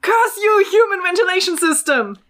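A woman voicing a grumpy, lost male alien prisoner who curses loudly in frustration, in a casual podcast story reading. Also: high-pitched, big pitch swings, moderate pace, pitched above the performer's own voice. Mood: frustrated. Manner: loud frustrated cursing.

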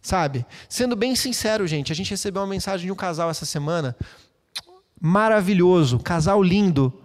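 A man preaches in a high, bright-sounding voice, talking to his congregation in a lively, chatty way full of playful asides. His words ring out with the long reverb of a church hall. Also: normal speed. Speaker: pastor. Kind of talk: sermon.

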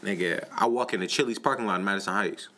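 A man telling an excited, slangy story in a casual podcast chat. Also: fairly low pitch, fast. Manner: excited, slangy, laughing through stories.

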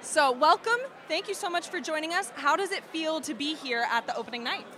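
A woman's voice: sits high, a little fast, bright, forceful tone, a faint crowd, slight background noise. A woman hosting red carpet interviews in an upbeat, enthusiastic way.

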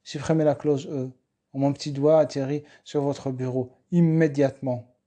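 A man's voice: mid-range voice, level tone, moderate pace, mellow, natural voice. A man reading aloud, voicing a male writer who threatens a lawyer in a curt, pressing way. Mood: cold. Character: angry male writer with power saw.

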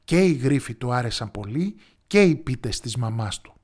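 A man hosting a storytelling podcast, reading a fairy tale in a calm, measured way. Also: medium pitch. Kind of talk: scripted storybook narration.

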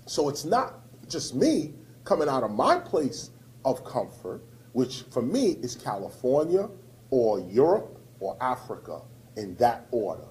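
A man from the United States, a rapper, giving an impassioned public talk to an audience, emphatic and repeating key phrases, swinging between loud and hushed. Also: medium pitch, sing-song, measured pace, low-quality recording.

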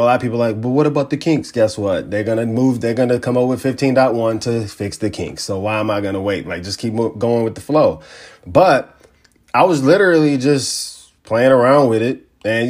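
A man co-hosting a tech podcast, chatting casually and telling stories with slang. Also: mid-range voice. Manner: laid-back, animated storytelling with slang. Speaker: podcast co-host. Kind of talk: casual chat.

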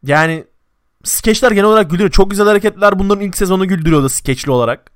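A man's voice: high-pitched, rapid-fire, clean tone, no echo, studio quality. A man in a casual podcast chat with friends, opinionated and emphatic, swearing casually. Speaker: podcast co-host.

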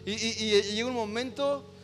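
High-voiced, bright male pastor preaching. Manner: passionate preaching, swelling to emphatic repeated declarations; conversational storytelling with quick asides. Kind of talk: sermon. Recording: long hall reverb with faint music behind.

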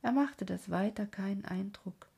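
Woman, audiobook narrator of a classic: dark, mellow tone, soft and half-whispered, earnest, dramatic phrasing. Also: mid-range voice, normal speed. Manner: soft, often sinks into a breathy whisper. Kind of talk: literary reading of a classic novel.

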